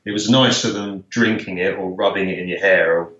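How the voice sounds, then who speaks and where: A man's voice: deep voice, fairly quick, sharp tone. A man chatting casually and easily as a guest on a podcast. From Essex, England. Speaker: podcast guest, health shop owner. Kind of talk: casual interview chat. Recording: roomy, dull lo-fi call-like sound.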